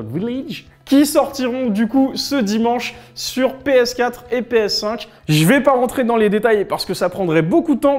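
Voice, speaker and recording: Man, high voice, casual news host, playful, chatty, talks to viewers, office. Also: darkish tone. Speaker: host of a weekly manga and gaming news show. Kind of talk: casual news recap to camera.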